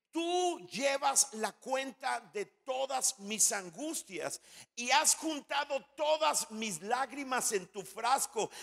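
A man's voice: very high-pitched, vocal fry, bright, forceful tone, in a large hall. A man pastor preaching a sermon with emphasis, speaking directly to his congregation in a church.

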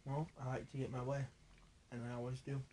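A drunk young man co-hosting a podcast in loose, casual chat. He jokes crudely and rambles. His voice sits at a middle male pitch over a faint background hiss. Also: little pitch movement, brisk, mellow. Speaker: podcast co-host.

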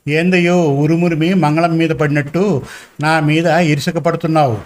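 A man's voice: a little high, fairly even intonation, normal speed, lightly acted. A man reading a storybook and voicing a poor village woman, a grieving, anxious mother, with scolding, pleading village talk.

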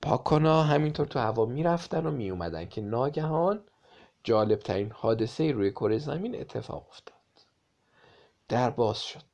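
A man reading a children's story aloud with lively, dramatic emphasis. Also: medium pitch, lo-fi sound.

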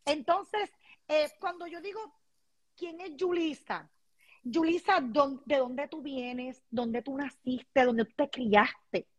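High-voiced, emphatic hostess. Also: female voice, slow pace, dry recording. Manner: lively, emphatic, motivational. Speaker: host. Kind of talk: casual interview chat.

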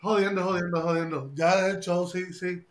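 A man's voice: high-pitched, flat delivery, normal speed, roomy sound. A man hosting a podcast, joking and brash in casual slangy chat. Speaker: podcast host.

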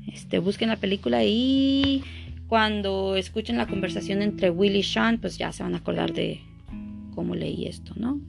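A woman's voice: medium pitch, moderate pace, gravelly. Woman reading aloud over guitar music. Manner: earnest, with small stumbles and self-corrections. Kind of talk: reading a book aloud with casual asides. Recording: guitar music playing underneath. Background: soft guitar music.

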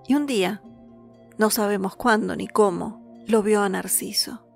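A woman narrating a myth, measured and dramatic, slowing down for lists and dropping to a whisper at tense moments. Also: mid-range voice, creaky, soft background music. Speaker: storyteller.

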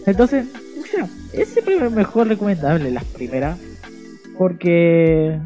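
A man's voice: high-pitched, expressive, slow pace, dark tone. Young Chilean male co-host, rambling, self-mocking, faint music bed. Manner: hesitant, rambling, laughs at himself. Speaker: podcast co-host. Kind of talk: casual chat.

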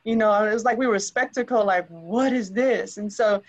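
A woman's voice: mid-range voice, normal speed. Storytelling woman, slightly dull sound. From Los Angeles. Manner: storytelling, acts out quoted voices. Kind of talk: casual conversation.

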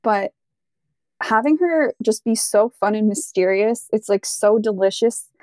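Over a dry, close sound, a woman chats casually as a podcast co-host, her voice sitting at an ordinary middle pitch. She rambles, leans on "like" and "um", and gushes when something excites her. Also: a little slow, dry recording. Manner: rambling, full of "like" and fillers, enthusiastic. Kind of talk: casual chat.

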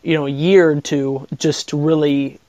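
A man's voice: fairly high pitch, flat delivery, slow, mellow. A man hosting a casual interview, affirming his guest in loose, friendly phrasing. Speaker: podcast host.

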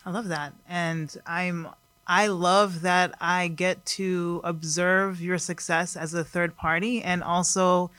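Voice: medium pitch, level tone, slow pace, sharp tone, dry recording. A podcast host asking questions in casual chat, rambling with many fillers and restarts.

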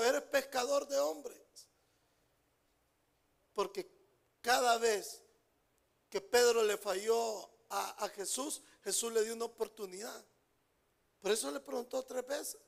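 Gravelly high-voiced preaching man. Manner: emphatic preaching, swings between loud outbursts and hushed asides; repeats phrases for emphasis. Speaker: pastor. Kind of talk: sermon.

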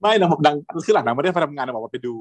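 A man's voice: fairly high pitch, racing. Chatty man recapping a drama. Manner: animated, chatty, laughs often, playfully coarse. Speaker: podcast co-host. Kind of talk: casual chat recapping a TV drama.

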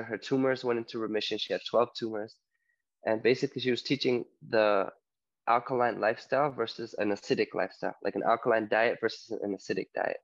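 Male guest from Canada, loose and filler-heavy, low voice on muffled call audio. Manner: loose, rambling with many fillers. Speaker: guest, detox health coach. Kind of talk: casual interview talk. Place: home on an island in Spain.

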